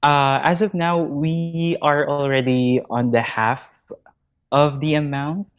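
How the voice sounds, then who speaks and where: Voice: mid-range voice, steady tone, slow pace, clear, resonant tone, muffled recording. A podcast guest speaks politely while promoting a fan project in a casual chat. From Philippines. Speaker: guest, fan club representative.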